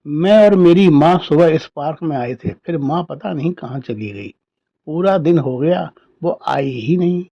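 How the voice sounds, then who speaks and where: A man voicing a small, hungry, abandoned boy who speaks softly and pleadingly. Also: fairly high pitch, measured pace, lo-fi sound. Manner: soft, pleading.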